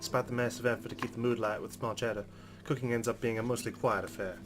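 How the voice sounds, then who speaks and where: Reading visual novel narration as a let's player, this man uses a mid-range voice with fairly even intonation and a quick pace. Plucked-guitar game music plays beneath him throughout.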